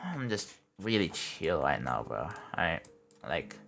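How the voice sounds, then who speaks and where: With a gravelly bass voice that's fairly bright and very animated, a young male streamer takes his time as he builds a game level live from home. His talk is casual, laid-back and rambling, loaded with "like" and "bro."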